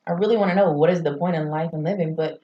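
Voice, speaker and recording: Low-voiced woman in a roomy room. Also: rapid-fire. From Arkansas, US. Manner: reflective, rambling talk. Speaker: podcast guest, photographer. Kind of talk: casual chat. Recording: roomy, slightly muffled podcast audio.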